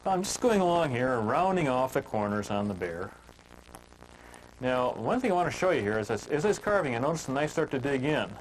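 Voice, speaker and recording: A man's voice: medium pitch, very animated, a little fast, a little hiss or hum, rough recording. Easygoing folksy male woodcarving teacher. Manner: easygoing, homespun, chatty with filler words. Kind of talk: folksy storytelling while demonstrating carving.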